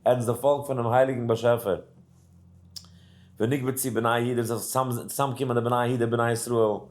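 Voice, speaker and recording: A man teaching a daily Torah lesson, telling a story in casual speech, acting out the people in it with lively voices and chanting Hebrew verses in a singsong. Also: mid-range voice, quick pace. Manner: animated storyteller acting out characters, mixing in English and Hebrew.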